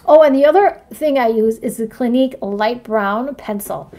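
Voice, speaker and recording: A chatty woman in her forties with a slightly high voice, talking casually to viewers in a livestream. She rambles from one point to the next and keeps checking in with "right?" and "you know what I mean?". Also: moderate pace, dark tone. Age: 40s. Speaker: astrology vlogger showing her makeup routine.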